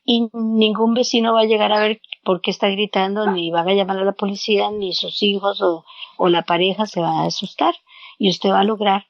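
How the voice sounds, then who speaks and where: A woman's voice: medium pitch, creaky, no room sound. A woman guest giving counseling advice in an interview, explaining step by step and repeating words as she searches for them. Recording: dull lo-fi, dry sound.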